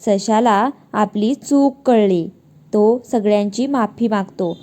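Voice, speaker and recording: Mellow female storyteller for kids. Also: mid-range voice, takes it slowly. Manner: gentle, expressive storytelling aimed at children. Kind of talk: children's story narration.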